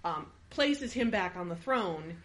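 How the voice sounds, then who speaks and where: A woman's voice: lowish voice, expressive, measured pace, fairly bright tone. Woman casually retelling history. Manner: rambling with fillers, laughs often. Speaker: podcast host telling history. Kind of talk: casual chat, storytelling.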